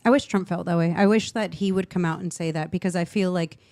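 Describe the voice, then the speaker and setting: A woman's voice: lowish voice, fairly even intonation, quick pace, darkish tone. Female guest commentator, casual and filler-heavy. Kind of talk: casual political chat.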